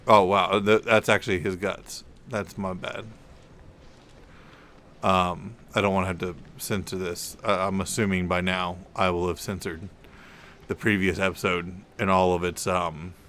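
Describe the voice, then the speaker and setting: A man's voice: low-pitched, a bit bright, slight background noise. A young man giving casual, rambling commentary while playing a video game, often stopping to correct himself. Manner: rambling, drawn-out, self-correcting. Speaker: let's play gamer.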